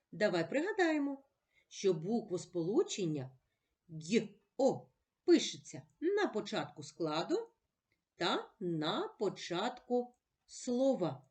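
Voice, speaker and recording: Woman teacher for a children's reading lesson, slow and lilting, each word spelled out clearly. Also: medium pitch, darkish tone.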